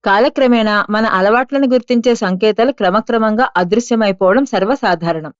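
A woman reading an audiobook aloud in a steady, measured manner. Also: fairly high pitch, smooth, no room sound, dull audio. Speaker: audiobook narrator. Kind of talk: scripted audiobook narration.

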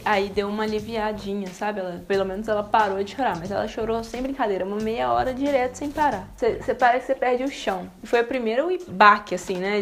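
Chatty young mother telling stories. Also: mid-range voice. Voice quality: lively, uses diminutives and exclamations. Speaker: vlogger. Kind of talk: casual storytelling to camera.

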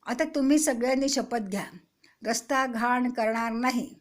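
Lady doing a hyped little kid telling a story, chatty, high voice. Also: normal speed, natural voice. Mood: excited. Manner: lively, excited storytelling. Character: excited chatty young boy.

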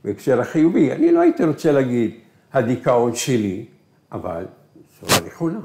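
A male teacher whose first language is Arabic gives a recorded grammar lesson. He asks questions and answers them himself, slowing down on key words. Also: medium pitch, big pitch swings, creaky, mellow. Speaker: Hebrew teacher. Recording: echoey room.

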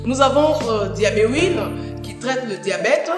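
A woman presenting a list of remedies in an advertisement from a studio set, with steady listing and frequent hesitations. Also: a little high, unhurried. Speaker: product presenter. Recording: reverberant room with music behind.

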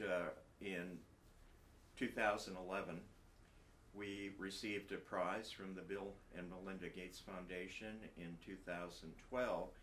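Older man, very deep, halting with fillers. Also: a bit bright, slight background noise. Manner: halting, many filler pauses. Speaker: research professor. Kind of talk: explaining a project to camera. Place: indoor office. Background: faint music.

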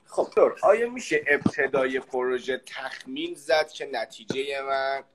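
A man hosts an interview and asks an expert questions. He talks informally and stops now and then on hesitant fillers. His voice sits at a middle pitch. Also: noisy background.

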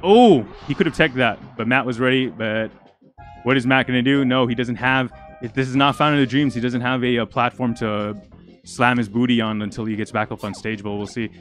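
A young man giving live, excitable commentary on a fighting game match, out of breath and stumbling over his words. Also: mid-range voice, fairly quick, soft background music. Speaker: esports commentator.

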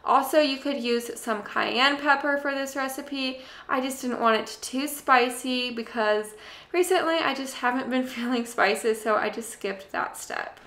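A young woman narrating a casual cooking video from her home kitchen, chatty and relaxed, talking straight to her viewers. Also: high voice, measured pace, reverberant. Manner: chatty, relaxed, addresses viewers as "you guys". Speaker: cooking channel host.

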